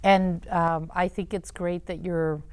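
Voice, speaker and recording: A woman hosting a talk show, interviewing in a conversational way with hesitant, halting phrasing. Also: fairly low pitch, level tone, smooth.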